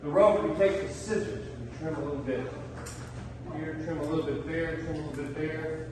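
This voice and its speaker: A man's voice: on the high side, fairly quick. A man working as a children's party magician, giving playful live show patter with mock surprise and coaxing the audience to join in. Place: large reverberant indoor hall. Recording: echoey noisy hall, distant mic.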